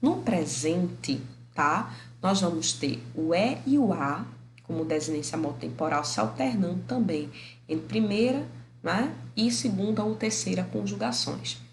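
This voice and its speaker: A woman with a Brazilian Portuguese accent teaching a grammar lesson, affectionate with viewers and stretching out example words slowly to show the stress. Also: on the low side, expressive, echoey room, slight background noise, rough recording. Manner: affectionate, addresses viewers as "meu amor".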